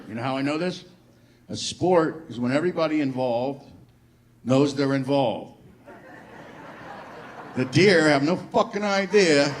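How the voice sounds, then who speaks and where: A man's voice: medium pitch, slight background noise. A male stand-up comedian performing a set, telling stories and acting out dialogue, with swearing and audience laughter. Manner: storytelling with acted-out dialogue and swearing. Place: live comedy venue.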